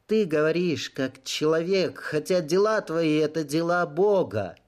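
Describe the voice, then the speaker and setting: A man voicing a humble, solemn young priestess who speaks slowly and respectfully. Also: a little high, lively intonation, darkish tone, pitched above the performer's own voice. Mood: earnest.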